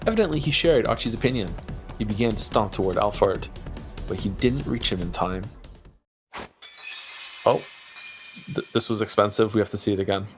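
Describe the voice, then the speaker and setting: A man with a fairly low voice reads a story game aloud on stream. He moves between expressive narration and casual chat, sometimes tripping over words, with faint music underneath. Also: normal speed, long pauses.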